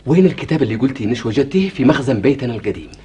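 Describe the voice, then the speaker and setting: An actor playing a frustrated, dreamy writer husband in a television drama, theatrical in manner, with a Yemeni accent. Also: male voice, medium pitch, expressive, rapid-fire, mellow, natural voice. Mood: eager. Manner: theatrical, swinging from sighing musing to exclaiming.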